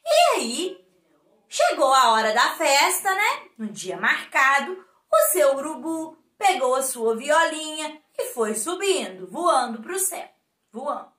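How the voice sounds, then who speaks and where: A woman with a Brazilian accent, a preschool teacher telling a story to small children, animated and asking them questions. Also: high-pitched, unhurried. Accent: Brazilian Portuguese. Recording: echoey room.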